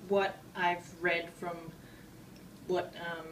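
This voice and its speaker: A woman giving a casual drawing tutorial, rambling and self-deprecating with many fillers, a bit out of breath and clearing her throat. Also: lowish voice, flat delivery, drawn-out words, distant mic, slight background noise, low-quality recording. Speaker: art tutorial maker.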